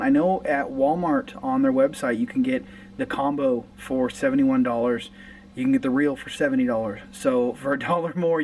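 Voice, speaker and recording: A man's voice: mid-range voice, far from the mic, slight background noise, rough recording. Bearded man rambling about gear in a garage. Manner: relaxed, rambling with fillers and restarts. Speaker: fishing vlogger. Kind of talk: casual gear talk to camera. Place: home garage at night, indoors. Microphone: camera close in front, handheld at times.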